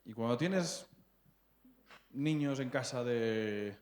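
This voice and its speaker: A man's voice: medium pitch, slow pace, darkish tone. A man in his thirties with a Spanish accent preaching a sermon, chatty and prone to repeating words as he checks in with the congregation. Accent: Spain. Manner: conversational, often checks in with the congregation; stumbles and repeats words while searching for phrasing. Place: church hall. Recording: echoey church hall.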